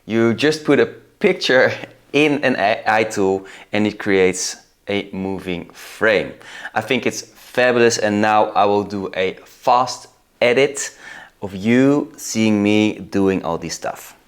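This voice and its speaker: A middle-aged man with a Dutch accent casually walking through software on screen, thinking aloud. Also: fairly low pitch, slow. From Netherlands. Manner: relaxed, thinking aloud, laughs at results. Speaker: video host. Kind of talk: casual screen-recording tutorial.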